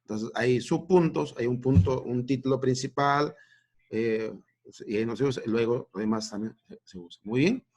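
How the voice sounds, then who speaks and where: A man's voice: mid-range voice, moderate pace, a little mellow. A man with a Peruvian Spanish accent, teaching a remote school lesson in a patient, explanatory way, often checking in with "¿no?". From Peru. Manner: explanatory, repeats "¿no?" and "muy bien". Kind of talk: remote class lecture.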